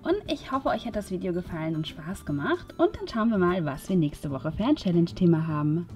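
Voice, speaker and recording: A woman calmly explaining a crafting project step by step, as host of a tutorial video. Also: on the low side, a little fast, soft background music. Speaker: DIY channel host.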